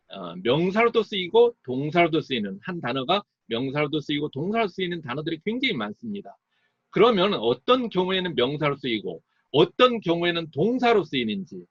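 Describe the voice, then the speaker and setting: A man teaching in a recorded lecture, reading out example sentences slowly and deliberately with marked stressed beats. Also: fairly high pitch, a bit bright, husky, no room sound, highs cut off. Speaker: English teacher.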